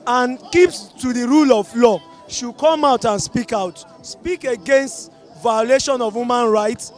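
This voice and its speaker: A middle-aged man with a Nigerian accent giving an emphatic, oratorical street-interview opinion on a busy city street. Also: extremely high pitch. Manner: emphatic, oratorical, repeats calls to action. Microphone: handheld mic held by interviewer.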